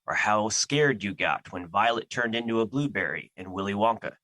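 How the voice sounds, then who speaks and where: Audio drama: male actor as an ancient embodiment of fear, grandiose and troubled, forceful edge, dry recording. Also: on the low side, moderate pace, no echo, rough recording. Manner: formal, grandiose, theatrical.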